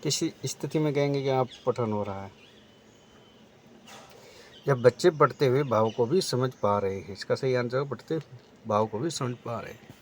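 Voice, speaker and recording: Guy tutoring for a teacher exam, mid pitch, reads options then explains, bit of hiss. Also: normal speed, pauses often, darkish tone.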